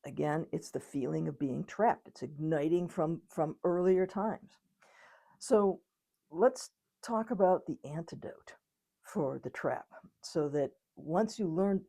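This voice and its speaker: Woman doctor, plain conversational explainer, warm low voice. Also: creaky, slightly rough. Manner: conversational, acts out quotes, occasional laughs. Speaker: physician explaining trauma. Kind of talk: informal educational talk.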